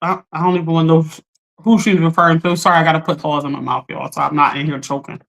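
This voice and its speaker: Talking fast in a creaky voice, this livestream host addresses her chat in a chatty, casual way, her pitch jumping animatedly. She is still getting her voice back after losing it, and the audio quality is rough.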